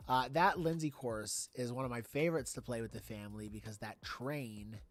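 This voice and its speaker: A man's voice: mid-range voice, moderate pace, a bit bright, no echo. A man hosting a casual show, upbeat and chatty, laughing easily. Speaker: host.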